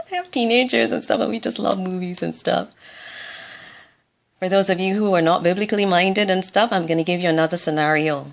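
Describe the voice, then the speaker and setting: A woman doctor in her forties speaks in a motivational vlog to foreign medical graduates. Her voice sits low and carries a gravelly rasp. She talks earnestly and repeats her key phrases for emphasis. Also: steady tone, fairly quick.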